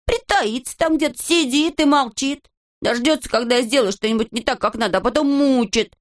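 A woman voicing a boastful, stubborn little gnome boy in an audiobook, in a high, excitable and defensive voice. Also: fairly quick, lightly acted. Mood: agitated. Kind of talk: audiobook character voice.

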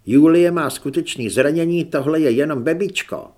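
A male audiobook reader voicing a tough, sharp-tongued young woman who scolds bluntly in a slightly raised voice. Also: fairly high pitch, lightly acted. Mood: curt.

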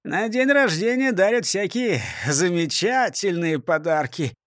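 A man reading a storybook and voicing a small male robber who keeps sneezing as he talks, high and whiny. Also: expressive, a little slow, dry recording, studio quality. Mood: chirpy. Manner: sneezes loudly before speaking.

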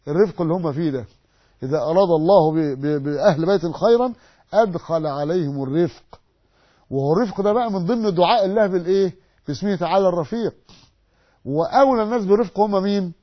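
A man preaching a sermon lesson in an Egyptian accent, emphatic, posing rhetorical questions and repeating sayings slowly for emphasis. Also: high voice, breathy edge, lo-fi sound. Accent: Egyptian Arabic. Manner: emphatic, asks rhetorical questions and answers them.

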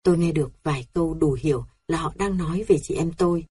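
Woman narrator, memoir reading, low mellow voice, dry close sound. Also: quick pace, husky, no echo.

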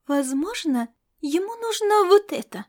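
A woman's voice: very high-pitched, big pitch swings, unhurried, darkish tone, voice pushed up, heavily acted. A woman voicing a cheeky, mocking young female star-cat girl in an audiobook. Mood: teasing. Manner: mocking, teasing, then whiny.

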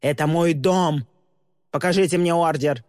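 An audiobook reader voicing a brash, wealthy middle-aged man who shouts indignant demands. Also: medium pitch, a little slow, no room sound, clean studio sound, big-room sound, lightly acted. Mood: outraged.

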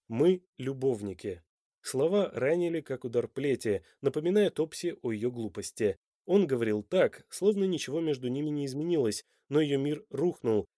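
Brief: male audiobook narrator, middle pitch, dry studio sound. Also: no echo. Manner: even, measured reading.

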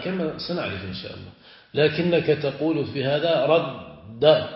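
A man, a sheikh, teaching a classical Arabic grammar lesson. He stretches example words slowly and keeps asking his students whether they follow. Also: fairly high pitch. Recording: echoey, dull lo-fi room recording.

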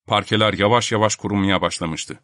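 A man narrating an audiobook in a measured storytelling manner. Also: on the low side, fairly bright tone, no echo, clean studio sound. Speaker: audiobook reader. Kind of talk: scripted narration.

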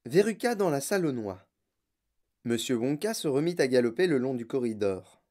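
A woman narrating a children's novel in an expressive storytelling way. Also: extremely low pitch, normal speed. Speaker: reader.

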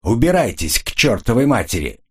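A man's voice: medium pitch, sing-song, brisk, husky, pitched above the performer's own voice. A man voicing a cool, mocking tough-guy hero in a hard-boiled audiobook. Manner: ironic, sardonic.

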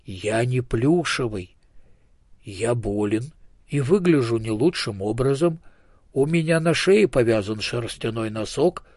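A man voicing a small, proud, sickly talking elephant in an audiobook, slow, dignified and peevish. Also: medium pitch, lively intonation, darkish tone, no echo, clean studio sound. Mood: offended. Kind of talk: audiobook character voice.

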